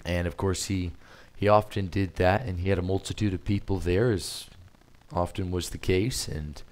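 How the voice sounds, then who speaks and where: Deep-voiced man preaching, halting. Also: steady tone, a little mellow. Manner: hesitant, many fillers and restarts; plain conversational preaching. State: strained voice. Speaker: missionary preacher. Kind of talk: sermon.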